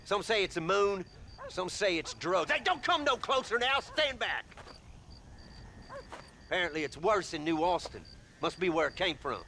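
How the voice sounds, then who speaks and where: An actor playing a suspicious, self-important backwoods survivor in a video game. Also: male voice, sits high, animated, normal speed, long pauses, bright, forceful tone, slight background noise, heavily acted. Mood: pompous. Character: pompous backwoods male survivor crowning himself king. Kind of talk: video game cutscene acting.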